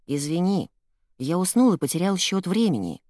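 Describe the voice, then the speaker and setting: A woman reading an audiobook, voicing an impatient young boy who speaks in a pleading, excited way. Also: lowish voice, moderate pace, dry recording. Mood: eager. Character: lost boy stuck young, eager and impatient.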